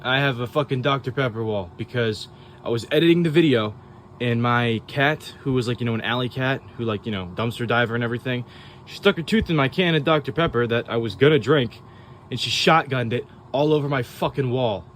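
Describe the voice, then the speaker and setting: A man's voice: mid-range voice, brisk, fairly bright tone. A man with a mid-range voice gives a loose, rambling update, swearing casually as he goes. A faint noise sits behind his voice. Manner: profane, rambling.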